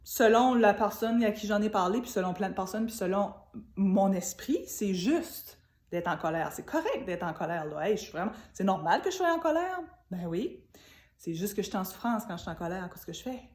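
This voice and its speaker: A woman's voice: medium pitch, animated, normal speed, a little mellow. Québécois woman giving a spiritual talk, roomy echo. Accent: Québécois French. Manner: chatty, earnest, speaks straight to the listener. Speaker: spiritual teacher. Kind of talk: informal spiritual talk to viewers.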